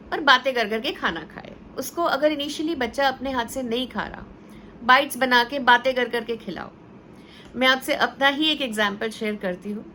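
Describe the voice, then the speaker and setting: Bright-voiced woman giving parenting advice. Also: a little high, slight background noise. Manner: conversational, mixes English words into Hindi; storytelling with acted quotes. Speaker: teacher and parenting counsellor.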